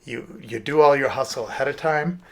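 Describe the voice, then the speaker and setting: A middle-aged man, a music producer, chatting as an interview guest in an animated, rambling way with many restarts and asides. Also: mid-range voice, a little fast, vocal fry. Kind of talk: casual interview talk.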